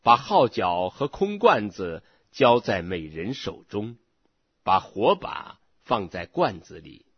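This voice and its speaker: A man reading scripture aloud in a slow, measured way, from a dull lo-fi recording. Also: on the low side, very animated, husky, no room sound. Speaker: scripture reader.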